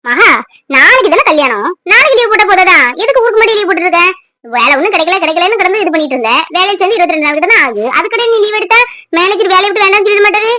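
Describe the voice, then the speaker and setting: A woman's voice: expressive, pushed and bright, heavily acted. A woman voicing a nagging middle-aged widowed mother who scolds her grown children in a cartoon. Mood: scolding. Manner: shrill, scolding, rapid-fire. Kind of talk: cartoon voice acting.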